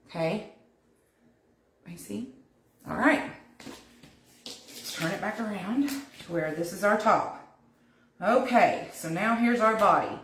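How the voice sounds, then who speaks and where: A woman with a Southern North Carolina accent hosts a live craft session, walking viewers through steps and chatting with them. Her voice is mid-range, recorded with a roomy sound.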